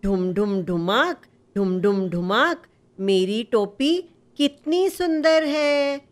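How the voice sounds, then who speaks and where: A woman's voice: sits high, animated, takes it slowly. A woman voicing a small, cheerful male mouse who pleads and boasts in a sing-song way. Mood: eager.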